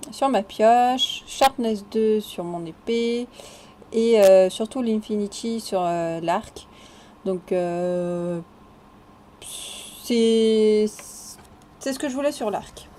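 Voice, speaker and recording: Slow, easygoing woman gaming vlogger. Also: medium pitch, slight background noise. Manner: relaxed, chatty, talks to game characters. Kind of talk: casual gameplay commentary.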